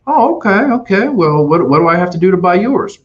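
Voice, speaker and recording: A curious, polite woman caller asking hesitant questions, as a man raises his voice high to play her. The sound is dull and lo-fi, like webinar audio. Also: sing-song, moderate pace.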